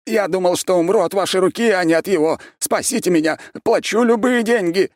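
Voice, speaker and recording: A panicked male prisoner squeals on one note , as a man puts him on. The voice is pushed very high and loud, shrill and pleading, read close and dry for an audiobook. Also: brisk, no echo, lightly acted.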